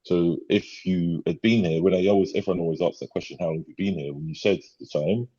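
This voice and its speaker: A man's voice: low voice, steady tone, fast, mellow, slightly rough. A middle-aged man, a podcast guest chatting casually, rambling with many restarts and tag questions. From England. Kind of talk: casual chat. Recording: dull lo-fi sound.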